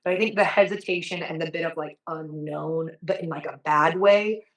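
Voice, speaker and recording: A woman with an upbeat, enthusiastic cruise director manner answers casually in an interview. Her voice sits a little low. She is recorded in an echoey room, some way from the mic. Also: normal speed, far from the mic.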